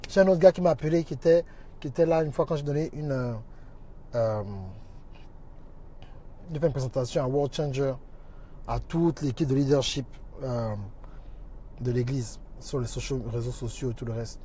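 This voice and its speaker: A man's voice: medium pitch, steady tone, moderate pace, pauses often, mellow, slight background noise. A man talking on a casual livestream, preaching emphatically and greeting viewers by name as he goes. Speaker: minister and social media teacher.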